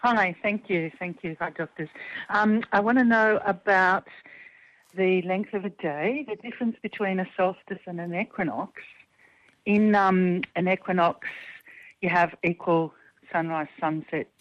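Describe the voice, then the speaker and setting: A woman calls in to a radio show with a question and asks it haltingly. Her fairly low voice comes through a dull, muffled phone line. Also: no room sound. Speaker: caller.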